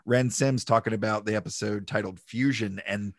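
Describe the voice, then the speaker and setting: A man's voice: on the low side, fairly even intonation, moderate pace, dry recording. A man hosting a podcast, chatting casually and recapping an episode in a loose, jokey way. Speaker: podcast host.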